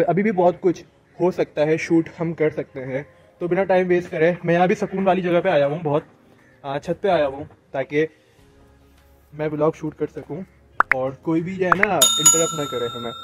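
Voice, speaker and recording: A man's voice: fairly high pitch, lo-fi sound. A young man from Pakistan with an Urdu accent, talking casually to a handheld camera on a rooftop outdoors. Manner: relaxed, explaining plans to camera. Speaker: vlogger. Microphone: handheld phone selfie camera.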